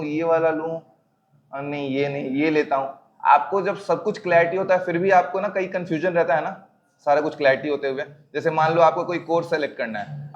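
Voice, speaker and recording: A man's voice: on the high side, lo-fi sound, slight background noise. A man giving a spiritual talk to a youth group, speaking in a conversational way, mixing in English words and asking the crowd questions. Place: gathering with a crowd present. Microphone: microphone on a sound system.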